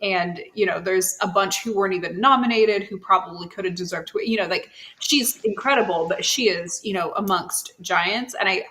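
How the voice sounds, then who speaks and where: A woman's voice: fairly low pitch, a bit bright. A woman hosting a casual TV chat show, talking loosely with many fillers. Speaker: podcast host.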